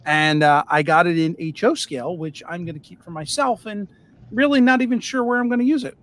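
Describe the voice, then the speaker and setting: Painting as he goes, this model railroad hobbyist hosts a laid-back livestream full of rambling talk and fillers. He has a high voice and speaks a little fast.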